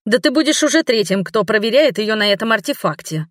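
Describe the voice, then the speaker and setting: A woman's voice: mid-range voice, brisk, no echo, studio quality, close to an everyday voice. Woman doing a bossy, fiery nun. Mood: angry. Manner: insistent, loud and scolding. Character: bossy, hot-tempered middle-aged nun.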